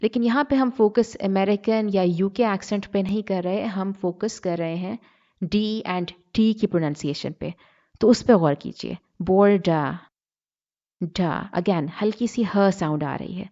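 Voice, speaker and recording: A woman teaching English pronunciation in a deliberate lesson style, repeating words to model the sounds and mixing in English phrases. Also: mid-range voice, mellow, muffled recording. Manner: switches between Hindi-Urdu and English phrases. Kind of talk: slow instructional lesson.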